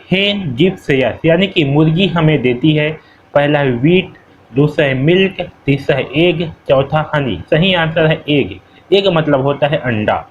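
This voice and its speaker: A male teacher works through an exam paper in a slightly high voice, reading every option and then repeating the answer. His pace is patient and deliberate. The recording sounds dull and lo-fi, with faint hiss underneath. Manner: explains each option slowly, repeats and translates words. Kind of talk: exam paper walkthrough lesson.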